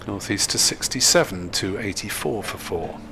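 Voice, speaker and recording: A man giving live cricket commentary in a measured, hesitant, dryly humorous manner. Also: on the low side, expressive, bright, forceful tone, a little hiss or hum.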